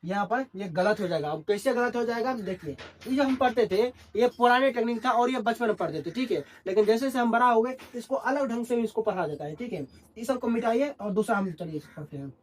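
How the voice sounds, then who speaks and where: A male English grammar tutor with a very high-pitched voice speaks fairly quickly and with few pauses in a Hindi classroom lesson. His call-and-response approach has him constantly asking questions and answering them himself.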